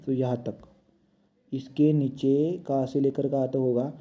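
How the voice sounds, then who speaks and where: A man's voice: mid-range voice, little pitch movement, a little slow, dark tone. A man teaching a drawing lesson, talking as he draws and checking often with "right?". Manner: talks while drawing, many checks like "right?". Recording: dull lo-fi sound.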